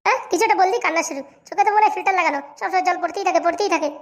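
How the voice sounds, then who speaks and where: A woman voicing a sharp-tongued, nagging young wife in a family cartoon, with a shrill, scolding manner. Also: rapid-fire. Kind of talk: cartoon voice acting.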